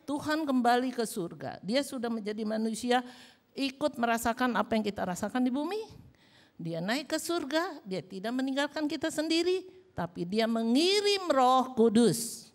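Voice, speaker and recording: Woman pastor with an Indonesian accent; animated, wide-ranging sermon delivery, storytelling. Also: a little high, moderate pace. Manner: lively storytelling, acts out dialogue.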